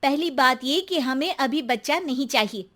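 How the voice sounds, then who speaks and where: Cartoon daughter-in-law, young woman, retorts sharply, bright high voice, voiced by a woman. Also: normal speed. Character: outspoken young married woman.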